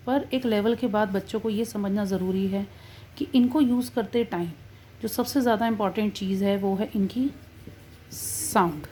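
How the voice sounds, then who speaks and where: A woman teaching a grammar lesson in a patient, classroom manner, stretching out each example word so its sound is plain. Her voice is mellow and dark. A faint hiss sits under the recording. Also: mid-range voice. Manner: slow, drawn-out example words with stress on sounds.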